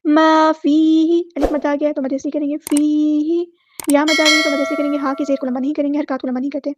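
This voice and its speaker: A woman teaching tajweed, explaining pronunciation rules patiently and step by step, with slow drawn-out recited words between her explanations. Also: high-pitched, flat delivery, very noisy. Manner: patient, repetitive step-by-step instruction. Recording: dry, slightly dull recording.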